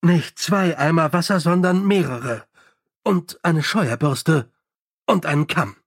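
A brisk young woman sergeant in an audiobook, as a male reader puts her on, handing out orders crisply and expecting them done. The delivery is firm and matter-of-fact, in a fairly high male reading voice. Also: no room sound, studio quality. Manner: brisk, commanding.

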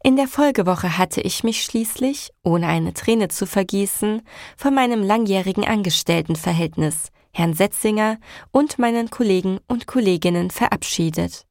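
Gravelly woman reading a novel. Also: medium pitch, normal speed, no echo, clean studio sound. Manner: even, storytelling. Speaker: audiobook narrator. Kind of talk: first-person audiobook narration.

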